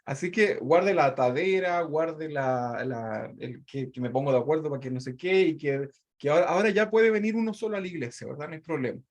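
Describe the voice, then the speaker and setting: Man, high voice, online Bible study teacher, reads verses with asides. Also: a little fast. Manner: reads scripture aloud and breaks in with asides; ends phrases with a questioning tag.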